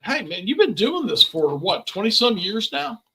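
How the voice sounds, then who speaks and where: A man's voice: high voice, big pitch swings, normal speed, pushed and bright. A man hosting a casual conversational interview, chatty and informal with his questions and introductions. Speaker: interview host.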